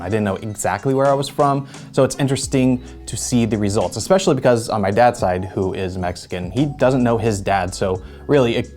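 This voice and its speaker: A man, a video director, talking calmly and thoughtfully to camera. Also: medium pitch. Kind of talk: casual talk to camera.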